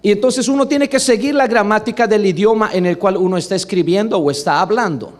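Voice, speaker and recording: A man preaching a sermon to a congregation, emphatic, asking for agreement and swinging between low asides and loud exclamations. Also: a little fast. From Latin America.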